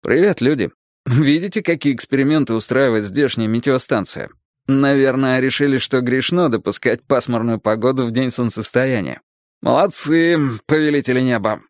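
A man's voice: mid-range voice, moderate pace, no echo, clean studio sound, lightly acted. A man reading a story aloud and voicing a friendly grown-up scientist who talks with wry, slightly formal humor.

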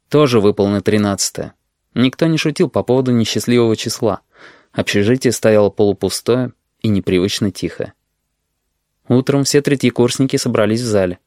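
Calm man reading an audiobook, dry sound. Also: mid-range voice, no room sound. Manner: calm and measured. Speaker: audiobook narrator. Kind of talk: audiobook narration.

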